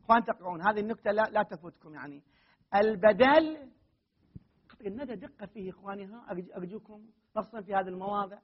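A man with a high, husky voice lectures on grammar, repeating his points and leaning hard on key words. The recording is dull and lo-fi. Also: animated. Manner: explains slowly with repeated phrases, rises to emphatic stresses. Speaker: teacher of Arabic grammar and Quran readings. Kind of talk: classroom lecture.

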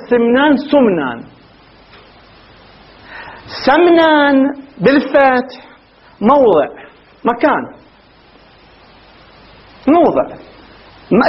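A man's voice: very high-pitched, husky. A man teaching a seminary text lesson, drawing words out, repeating them and asking the class questions he answers himself. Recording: dull lo-fi recording.

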